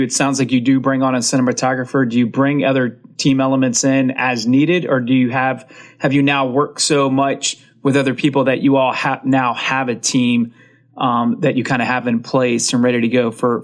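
A man hosting an interview podcast, asking long rambling questions in a chatty, encouraging way. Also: mid-range voice. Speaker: podcast host, film coach. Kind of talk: casual interview talk.

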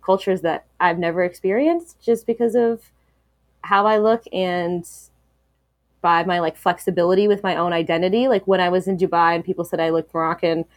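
A woman's voice: on the low side, fairly even intonation, normal speed, no echo, studio quality. A woman speaking as an interview guest, talking candidly and reflectively, with many fillers and restarts.

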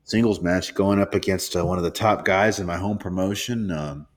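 Deep-voiced young man chatting casually. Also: normal speed. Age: 20s. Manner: relaxed, chatty, frequent restarts. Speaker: podcast co-host. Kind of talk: casual sports chat.

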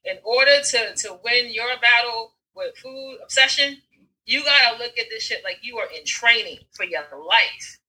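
A woman talking in a casual conversation, her voice very bright and a touch higher than most. She tells personal stories with animation, swears freely and jumps into acted-out moments. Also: normal speed, rough recording. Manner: animated storyteller, swears freely, acts out scenes. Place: Brooklyn.

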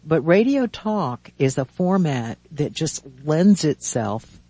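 A man in his seventies hosting a radio talk show from a studio, chatting casually in a rambling, halting way with many restarts. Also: fairly high pitch, sing-song, warm tone, breathy edge, dry recording.

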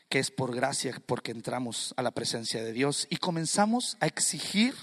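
A man preaching a sermon to a congregation in a fervent manner, rising to loud, emphatic delivery. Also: fairly high pitch, big-room sound.

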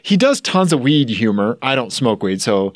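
A man's voice: mid-range voice, big pitch swings, normal speed, no room sound, studio quality. A man co-hosting a casual podcast, teasing his friend and telling stories with a playful, joking manner. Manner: playful, teasing, storytelling with laughs. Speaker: podcast co-host. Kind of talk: casual chat.

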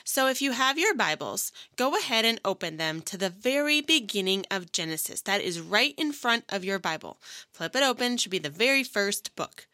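Bright, animated woman, sweet patient Sunday school teacher. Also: mid-range voice, moderate pace, dry recording, studio quality. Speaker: children's devotional podcast host. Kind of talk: Sunday school devotional for kids, scripted.

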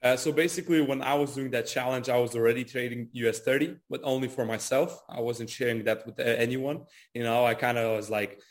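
A casual man in his early twenties, a trader and trading educator, answers interview questions in a steady, mid-range voice. He talks a little fast with few pauses, repeats words, and often says "kinda" and "you know."

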